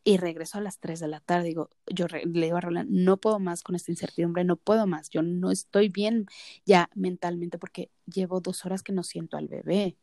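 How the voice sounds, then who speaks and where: A woman's voice: fairly low pitch, steady tone, moderate pace, warm tone, no echo, clean studio sound. A woman in her thirties co-hosting a podcast, telling her story in casual chat and acting out the quoted dialogue with animation. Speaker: podcast co-host.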